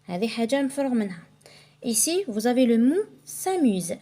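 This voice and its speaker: Woman, French teacher, warm mellow tone, patient deliberate explaining. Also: a little high, very animated. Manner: slow, careful reading with switches between Arabic and French. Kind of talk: explaining a pronunciation lesson.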